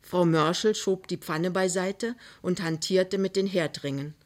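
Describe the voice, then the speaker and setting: A woman narrating a novel for radio in a measured, expressive way. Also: on the low side. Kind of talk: literary reading for radio.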